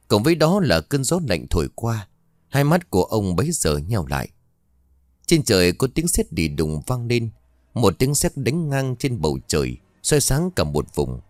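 A man narrating a horror story in a dramatic, expressive way. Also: mid-range voice, dry recording.

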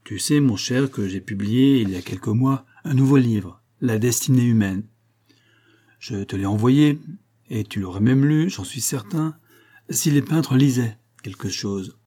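A man reading aloud voices a vain, jovial man who laughs at everything and insists loudly. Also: medium pitch, measured pace, natural voice. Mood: insistent.

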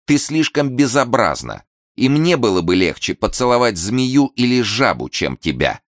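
A man's voice: mid-range voice, big pitch swings, normal speed, no room sound, studio quality, pitched above the performer's own voice, lightly acted. A man voicing a proud young boy with a harsh, scornful way of speaking in a storybook tale.

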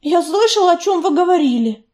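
Woman voicing a mottled warrior she-cat, storybook, plain, quiet, matter-of-fact, fairly high voice. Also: expressive, brisk. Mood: sad resolve. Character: older female warrior cat, plain and sad.

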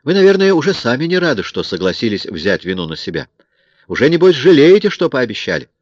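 A resentful young woman in a tight spot, sharp and reproachful, as a man reading the story puts her on. She sounds close and dry on a dull, lo-fi recording. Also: medium pitch, big pitch swings, fairly quick, dry recording, voice pushed up. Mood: angry. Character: angry, selfish young woman in trouble.

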